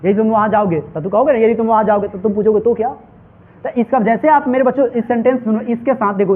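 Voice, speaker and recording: High, fast-talking man teaching grammar. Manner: call-and-response drilling, repeating questions to students. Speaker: English teacher. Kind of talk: classroom grammar lesson. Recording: tinny phone-like recording.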